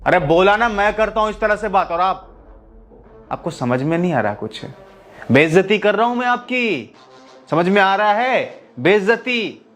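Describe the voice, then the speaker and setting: A man's voice: sits high, animated, normal speed, soft background music. An actor playing a defiant, angry husband who taunts and insults his mother-in-law. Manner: taunting, shouting.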